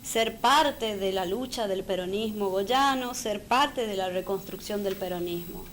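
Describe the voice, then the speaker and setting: A woman's voice: medium pitch, measured pace. Earnest Argentine woman, political guest. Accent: Argentine Spanish. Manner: firm, earnest, uses fillers. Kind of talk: political talk show interview. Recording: faint background noise.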